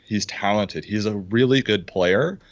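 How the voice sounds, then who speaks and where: Excitable deep-voiced man co-hosting. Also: a little slow, dry recording. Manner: excitable, pounds the table. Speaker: podcast co-host. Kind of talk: casual fantasy football chat. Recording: dull, dry lo-fi sound.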